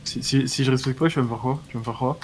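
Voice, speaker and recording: A man's voice: mid-range voice, fairly even intonation, very fast. Young man teasing his co-player. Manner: teasing, dry crude jokes. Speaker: co-player guiding a friend. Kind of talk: casual gaming banter.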